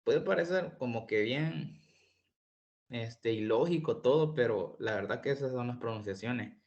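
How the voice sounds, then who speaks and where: A man teaching an online English lesson, explaining slowly and repeating words for pronunciation. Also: medium pitch, darkish tone, dull audio.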